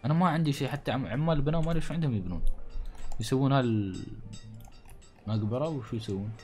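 Fast-talking Gulf Arabic gamer man. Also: mid-range voice, a little mellow, faint music behind. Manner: chatty, thinks aloud, grumbles and jokes at the game's townsfolk. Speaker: gaming channel host. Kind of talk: casual gameplay commentary. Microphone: studio condenser mic.

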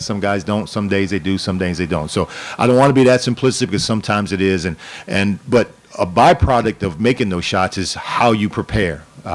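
A middle-aged man, a head basketball coach, answering questions at a post-game press conference in a measured way, often repeating words as he restarts, speaking into a desk microphone. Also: on the low side. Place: press room in front of a sponsor backdrop. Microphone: desk microphone on a stand.

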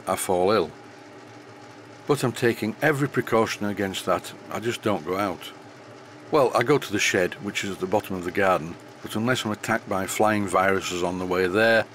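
An older model engineering tutor from northern England, with a softened accent, narrates an unscripted workshop tutorial voice-over. He's relaxed, has a slight stutter, and records into a high-end studio microphone with a little hiss or hum.

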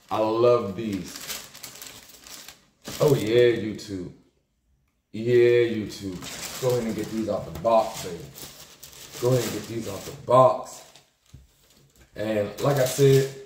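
In an echoey small indoor room with a plain wall, a thirtysomething sneaker unboxer from Maryland chats casually for YouTube. He's laid-back, uses slang and repeats his phrases, and his voice is lowish and a little mellow. There's slight background noise in the roomy recording.

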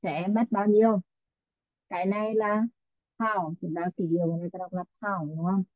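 A woman's voice: mid-range voice, fairly even intonation, normal speed, dry recording. A woman teaching an online English class, calling on students and repeating their answers back to them. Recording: tinny phone-like online audio.

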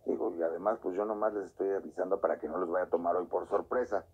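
A man's voice: sits low, fairly even intonation, fast, a little mellow, husky, lo-fi sound. An actor with a Mexican accent playing an easygoing, chatty middle-aged man who manages street performers in a TV drama. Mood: casual, teasing. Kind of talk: naturalistic telenovela dialogue.

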